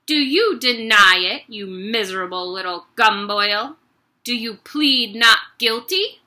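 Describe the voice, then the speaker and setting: A woman's voice: on the high side, normal speed. A woman playing a bellowing tyrant headmistress. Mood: raging. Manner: barking, shouting insults. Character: bullying furious woman headmistress, huge and tyrannical.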